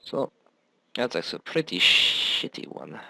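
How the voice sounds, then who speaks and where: A man's voice: normal speed, bright, forceful tone. A man giving rambling, casual commentary on his own strategy game, swearing often and laughing at himself.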